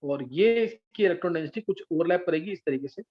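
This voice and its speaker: High-voiced male chemistry teacher, lo-fi. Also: animated, fast talker. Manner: patient, checks understanding often. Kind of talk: live online class teaching. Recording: dull lo-fi sound.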